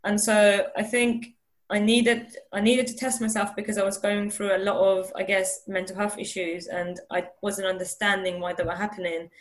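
A young Iranian woman is a guest in a candid conversational interview held over a video call, speaking earnestly at a moderate pace. Her mid-range voice shows little pitch movement, and she often restarts and repeats words.

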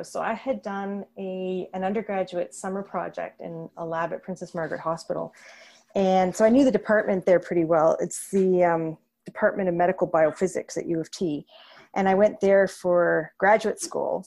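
A woman's voice: fairly low pitch, gravelly, a little mellow. Thoughtful woman professor on a podcast. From Canada. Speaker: guest, associate professor. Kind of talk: conversational interview.

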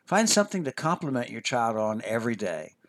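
Measured man giving parenting advice. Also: mid-range voice, slight background noise. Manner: measured and expressive, dips to a whisper for emphasis. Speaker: host, family counselor. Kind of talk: scripted parenting talk.

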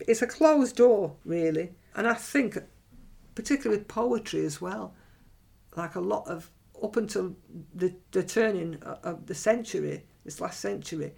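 Middle-aged woman, gravelly creaky voice, blunt chatty talk, lots of restarts, laughs often. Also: mid-range voice. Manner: blunt, chatty, frequent restarts and self-corrections. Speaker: writer and performance poet. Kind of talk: candid personal monologue.

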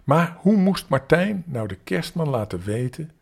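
Gravelly older man reading a bedtime story. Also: on the high side, measured pace. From Netherlands. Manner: gentle, expressive reading with small slips.

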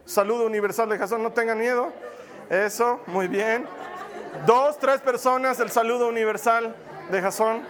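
A man preaching as pastor of a church, lively and joking with his congregation. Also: very high-pitched, normal speed, some chatter behind. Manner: lively, jokey preaching with acted asides. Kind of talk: sermon.

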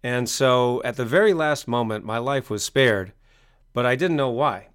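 Speaking smoothly at a moderate pace, a middle-aged American guest from Maine, an author and success coach, shares his story in an interview. His mid-range voice is emphatic, and he repeats phrases in motivational-speaker fashion.

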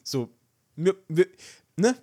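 Animated storytelling young man, dry sound. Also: fairly high pitch, slow pace, breathy edge, no room sound. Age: young adult. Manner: animated storyteller acting out dialogue. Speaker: podcast co-host. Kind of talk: casual chat.

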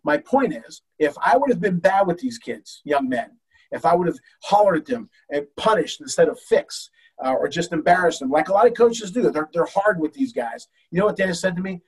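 An older man, a baseball coach, telling an emotional story in an animated way with many restarts. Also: high voice, brisk, slightly rough, far from the mic, rough recording. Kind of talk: storytelling in a talk show.

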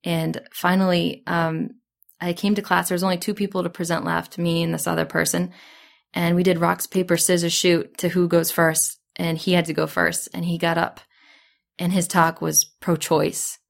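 A young woman tells a story in a relaxed, chatty way and voices her own thoughts aloud as little quotes. Her voice sits a bit low, with a gravelly edge and little rise and fall. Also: normal speed. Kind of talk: casual storytelling in conversation.

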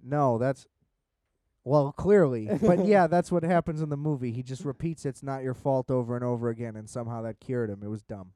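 A man chatting casually with friends, animated and swearing, laughing often. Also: mid-range voice, brisk, dry recording. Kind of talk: casual chat.

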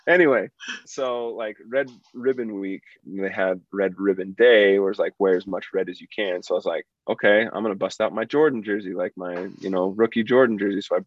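A man with a fairly low voice chats casually in a laid-back, slangy way. His R's slip toward W. The recording is close and dry, though somewhat dull and lo-fi. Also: moderate pace, dry recording. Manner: trouble pronouncing R sounds, saying w for r. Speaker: guest, school teacher and girls' basketball coach. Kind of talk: casual chat.

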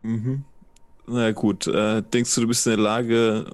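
A man's voice: on the low side, level tone, takes it slowly, no room sound. A man playing a tabletop game, talking through practical matters in a casual, hesitant way.

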